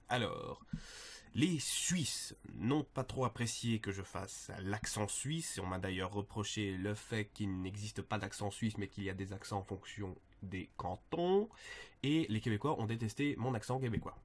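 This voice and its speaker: Young man answering fan questions casually. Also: lowish voice. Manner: joking, offhand, slangy. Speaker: impressionist video creator.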